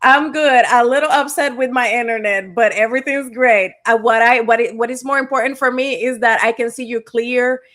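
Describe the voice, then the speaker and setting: A woman's voice: a little high, steady tone, a little fast, hardly any pauses, fairly bright tone. Upbeat woman hosting an online show. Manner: upbeat, effusive. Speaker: host and company founder. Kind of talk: casual online interview.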